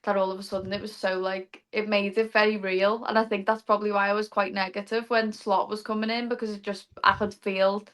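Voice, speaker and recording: A woman's voice: medium pitch, level tone, fairly quick, few pauses, fairly bright tone. A young woman, a guest artist on a casual podcast, telling stories with chatty enthusiasm.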